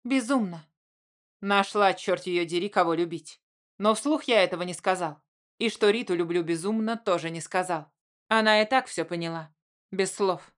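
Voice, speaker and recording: A woman reading a novel aloud in a measured, even storytelling manner. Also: fairly low pitch. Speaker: audiobook narrator. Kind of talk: scripted narration.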